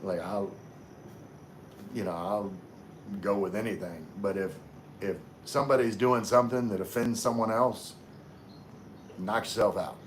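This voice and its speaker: With a faint hum beneath him, a Louisiana livestreamer with a very deep voice chats loosely with his audience, responding to comments as they come in. He speaks a little slowly with long pauses, rambling casually with many fillers like "uh" and "you know" and frequent restarts.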